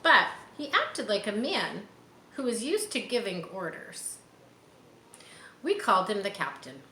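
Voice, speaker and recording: A woman reads a children's chapter book aloud, pausing for simple explanations aimed at young listeners. Her medium-pitched voice is sing-song, a little slow, pushed and bright. The room echoes noticeably, with faint noise in the background.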